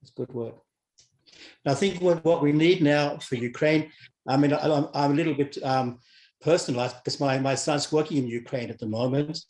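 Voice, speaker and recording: A man's voice: a little high, normal speed, a little mellow. German-accented man in an echoey room. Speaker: discussion participant. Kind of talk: video call discussion.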